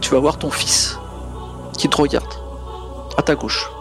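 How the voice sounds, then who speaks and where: A man improvising tabletop game narration as game master, in a hesitant, halting way, with music behind him. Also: fairly high pitch, fairly even intonation.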